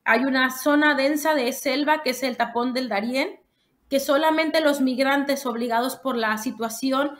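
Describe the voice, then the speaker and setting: Speaking at a moderate pace in a high, slightly bright voice, a young adult Mexican woman talks at length as a podcast guest about her long walk. She's a long-distance walker, and her casual explanation is full of restarts.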